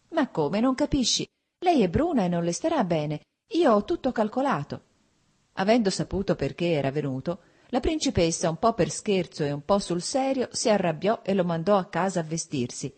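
A woman narrating a classic novel in a steady, measured reading. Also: fairly low pitch, breathy edge. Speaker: audiobook reader. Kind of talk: scripted narration.

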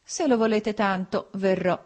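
A woman's voice: mid-range voice, fairly even intonation, measured pace, darkish tone, natural voice. A woman voicing a cold, stiff middle-aged official who speaks curtly and sardonically.

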